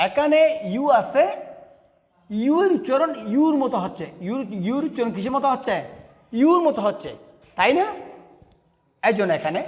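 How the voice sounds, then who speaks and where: A man's voice: very high voice, long reverb tail. A male teacher with a Bangladeshi accent, explaining a lesson step by step and answering his own questions. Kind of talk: online classroom lesson.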